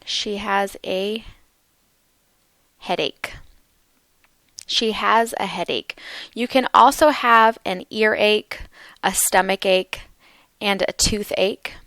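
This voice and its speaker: Slow, crisp-voiced woman teaching English. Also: mid-range voice, fairly bright tone, dry recording. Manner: slow and carefully enunciated, repeating words for learners. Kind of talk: slow, clear vocabulary lesson.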